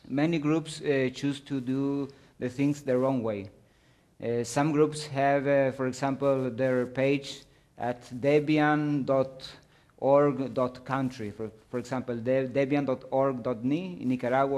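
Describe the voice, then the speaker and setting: Halting man giving a slide talk. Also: mid-range voice, a little mellow. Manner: halting, searching for words. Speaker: conference presenter. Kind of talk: technical presentation with slides.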